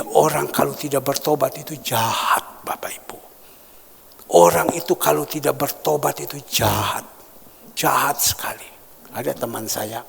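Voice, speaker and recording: Gravelly pastor in an echoey church. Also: male voice, medium pitch. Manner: storytelling, acts out quoted voices, shouts emphatic lines. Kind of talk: sermon. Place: church hall. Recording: echoey church hall, faint noise.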